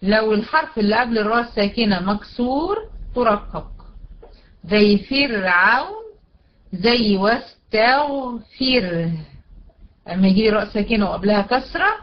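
This recorded tajweed lesson, captured in dull, lo-fi audio, features a woman teacher of medium pitch who speaks with an Egyptian Arabic accent. She explains the recitation rules one step at a time, says example words slowly, and frequently checks understanding with "tamam?"

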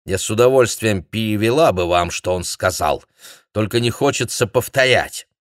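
A man's voice: on the low side, normal speed, dry recording, studio quality, close to an everyday voice. A man voicing a young woman interpreter who speaks in a subdued, curt way.

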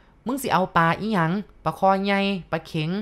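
A woman voicing a mocking, gruff old male preta ghost, speaking slowly and crudely. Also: fairly low pitch, steady tone, close to an everyday voice. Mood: taunting. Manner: slow, taunting, crude.

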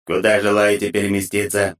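A metallic teleport machine speaks in a low, completely flat monotone, as a male audiobook narrator puts it on. It rattles off its questions quickly and never rises or falls. It sounds like a stone gadget from a fantasy game. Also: natural voice. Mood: formal.

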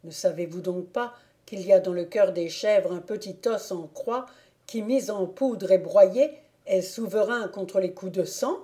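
An eager young male hunting valet from a storybook reading, as a woman acts him out, bossy and loud in his exclamations. His voice sits a touch above the reader's own, mellow and dark in tone. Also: mid-range voice, measured pace, natural voice. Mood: insistent.

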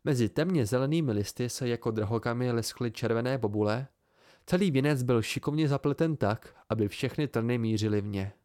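A man calmly narrating an amateur audiobook. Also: medium pitch, no room sound, studio quality. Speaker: audiobook reader.

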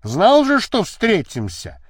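A man's voice: sits high, wildly swooping pitch, slow pace, breathy edge, no room sound, clean studio sound, voice pushed up, heavily acted. A man playing a rude, mocking police officer in an audiobook.

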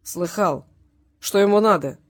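A woman voicing a crude, angry male gang boss who curses slowly over the phone, in an audiobook. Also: medium pitch, dry recording, close to an everyday voice. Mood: sullen. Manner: slow, cursing, snarling.

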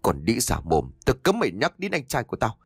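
A man voicing a cruel, vengeful young man in a ghost story, snarling insults in fast, harsh bursts. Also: on the low side, huge pitch swings, vocal fry, husky, dry recording, studio quality, heavily acted. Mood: furious.

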